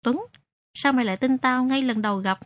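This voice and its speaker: A woman voicing a lonely, tender-hearted runaway country boy, speaking softly and wistfully. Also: high voice, fairly quick, no echo, close to an everyday voice. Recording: dry, slightly muffled recording.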